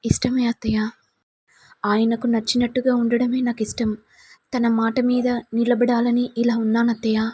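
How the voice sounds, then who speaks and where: A woman voicing a meek young wife who pleads gently with her husband. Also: fairly high pitch, little pitch movement, moderate pace, breathy edge. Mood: soft.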